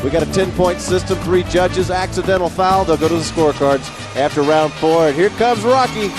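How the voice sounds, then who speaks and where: A man with a high voice gives live boxing commentary as a play-by-play announcer. Very loud entrance music plays behind him. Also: normal speed.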